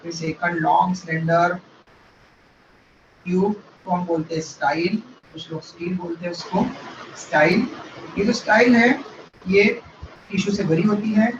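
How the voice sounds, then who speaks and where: Male teacher lecturing, high voice, keeps asking ok?, mixes in english terms, far off mic, echoey dull sound. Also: steady tone, measured pace, long pauses, slight background noise. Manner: explains step by step, checking with "ok?". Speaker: biology teacher. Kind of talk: classroom lecture. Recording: roomy, distant, dull sound.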